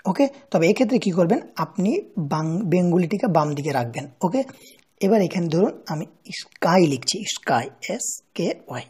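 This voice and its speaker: A woman's voice: lowish voice, expressive, moderate pace, mellow, slightly rough. A woman hosting a screen-recorded app tutorial, walking through each step and often checking in with the listener. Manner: step-by-step, checks in with rhetorical questions. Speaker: tutorial host.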